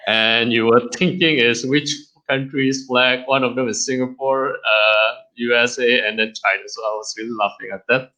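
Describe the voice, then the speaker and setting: A man hosting and interviewing a guest on his own podcast, chatty and quick to laugh. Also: mid-range voice, fairly even intonation, bright, forceful tone, low-quality recording. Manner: friendly, chatty, laughs easily. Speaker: podcast host and creator. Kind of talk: casual interview chat.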